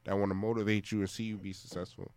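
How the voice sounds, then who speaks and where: A man's voice: lowish voice, flat delivery, fast, darkish tone. A man who works as a DJ, a guest in a casual interview, talking easygoing street slang.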